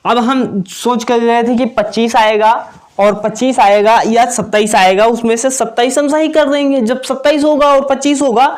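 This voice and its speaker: A man's voice: very high voice, fairly even intonation, moderate pace. A man teaching an exam-prep lesson at a whiteboard, asking questions and answering them himself, repeating key points. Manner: repetitive, asks and answers own questions.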